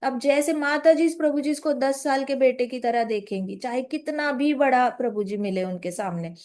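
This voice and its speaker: A woman's voice: high-pitched, normal speed, a little mellow. A woman giving a devotional story talk, explaining in Hindi mixed with English words and acting out short quotes. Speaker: spiritual speaker.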